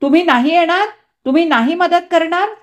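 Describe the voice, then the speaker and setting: A woman's voice: very high-pitched, a little fast, pitched above the performer's own voice. A woman voicing a hysterical young woman who shrieks and sobs in frantic rage, in a storybook reading. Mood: frantic, shrieking.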